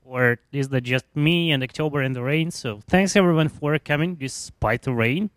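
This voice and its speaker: A man with a Russian accent presents a technical talk at a meetup, chatty and a little wry. His voice sits fairly high for a man, and he keeps turning to the room with questions. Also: normal speed. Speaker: conference speaker. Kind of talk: technical talk to a live audience.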